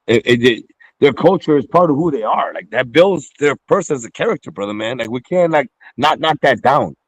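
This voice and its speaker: A man from Puerto Rico argues on a call-in stream, tripping over his first words and cursing as he goes. His voice sits at a middle pitch and sounds dry and close, with no room around it. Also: animated, a little fast, husky, dry recording, rough recording. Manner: repeats words when starting, swears, apologetic asides. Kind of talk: heated casual debate.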